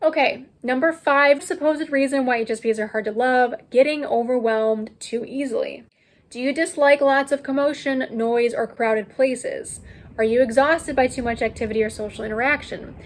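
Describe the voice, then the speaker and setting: A woman's voice: sits high, moderate pace. A woman giving a scripted commentary as a video host, projecting her voice to be heard over heavy rain. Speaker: video host and channel creator. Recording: clear rain noise behind voice. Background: rain falling overhead.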